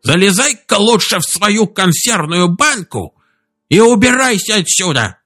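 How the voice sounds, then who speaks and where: Brief: shrill furious old chief, high squeaky yelling, storybook read-aloud. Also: male voice, sing-song, unhurried, faint music behind, exaggerated voice. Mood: threatening shrill. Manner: shrieking threats, shrill and angry.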